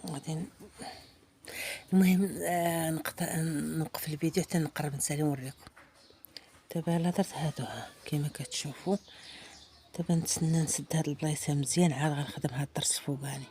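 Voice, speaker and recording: A woman's voice: deep voice, a little mellow, slight background noise. A woman with a Moroccan Arabic accent teaching embroidery in a casual, chatty way, thinking aloud as she works and sometimes murmuring to herself. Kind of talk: casual hands-on craft tutorial.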